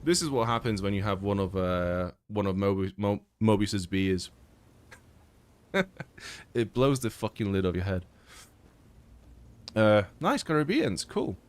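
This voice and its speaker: A man's voice: fairly low pitch, animated, unhurried, pauses often. Rambling, cursing man streaming a game. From Poland. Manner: rambling, swears a lot, many fillers and restarts. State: blocked nose. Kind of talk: casual live-stream chat while gaming.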